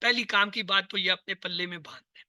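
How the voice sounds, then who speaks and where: High-voiced guy teaching an online class, goes slow and repeats every word, dry close sound. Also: fairly even intonation, bright, forceful tone, no echo. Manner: drills word forms in slow repetition. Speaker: Arabic teacher.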